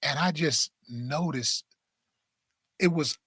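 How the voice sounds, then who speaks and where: A man's voice: a little high, takes it slowly, bright, forceful tone, breathy edge, no room sound, studio quality. A man in casual interview chat, loose and trailing, repeating his words.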